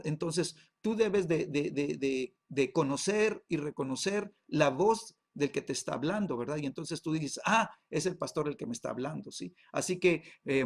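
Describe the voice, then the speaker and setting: A man, a pastor, teaching a Bible class, peppering his talk with tag questions and halting repeats. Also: on the high side, gravelly.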